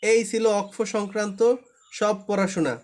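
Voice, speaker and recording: A man's voice: high voice, fairly even intonation, moderate pace. A man teaching Quran recitation in a live online class, patient and repetitive, often checking that students understand.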